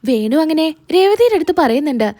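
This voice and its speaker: A woman's voice: sits high, big pitch swings, dark tone. A woman, retelling a serial's episode and voicing its lines in passing. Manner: quick retelling that voices quotes in passing. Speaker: serial recap narrator. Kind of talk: spoken story recap.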